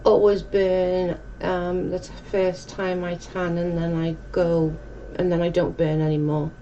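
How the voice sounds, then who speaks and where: A forties-aged woman with a South Welsh accent hosts a casual livestream, reading viewer comments from her dim room at home. Her lowish voice is dark, flat and unhurried, heard through a muffled, noisy room recording.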